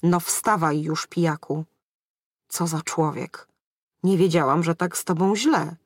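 A woman's voice: deep voice, unhurried, no room sound, clean studio sound. A woman reading the lines of a self-assured, mocking woman who scolds a drunk sorcerer in a storybook. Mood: scolding.

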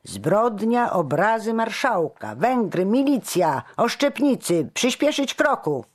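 A reader voicing a superstitious male guard commander who barks orders loudly in an audiobook. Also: fairly high pitch, big pitch swings, slow pace, pitched above the performer's own voice, full character voice. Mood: bellowing. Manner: loud, barking orders. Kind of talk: audiobook character voice.

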